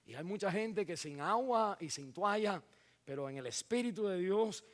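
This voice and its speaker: A man preaching a sermon in a church, acting out scenes with sudden shouts and dropping in English words. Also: high-pitched, animated, moderate pace. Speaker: pastor.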